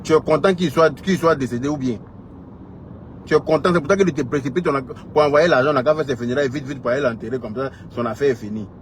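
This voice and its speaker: A man's voice: medium pitch, fast talker, slight background noise. A man with an Ivorian French accent, delivering a heated, scolding monologue full of repetition and rhetorical questions. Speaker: social media commentator. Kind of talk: heated direct-address rant.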